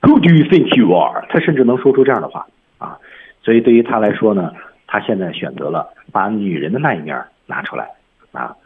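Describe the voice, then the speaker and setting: Guy teaching english on the radio, kinda low voice, explains slowly word by word, sounds like a phone line. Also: expressive, slight background noise.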